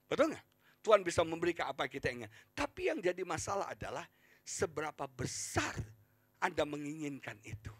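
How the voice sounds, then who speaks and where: A male pastor preaching a sermon with passion, swinging from shouts to hushed asides and repeating phrases for emphasis. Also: fairly high pitch, sing-song, a little fast, husky, no room sound. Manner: impassioned, swings from shouts to near whispers; repeats phrases for emphasis, addresses congregation as "saudara".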